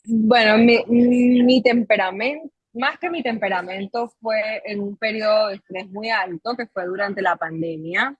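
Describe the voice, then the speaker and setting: A woman, guest on an interview podcast, talking in a measured way with frequent pauses and fillers. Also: medium pitch, husky, no room sound, dull audio. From Colombia, Caribbean coast. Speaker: psychologist and mindfulness coach, guest. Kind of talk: interview guest, reflective storytelling.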